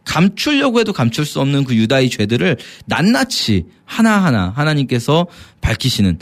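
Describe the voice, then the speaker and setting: Animated man explaining scripture. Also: medium pitch, normal speed. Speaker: Bible teacher. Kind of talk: radio Bible explanation.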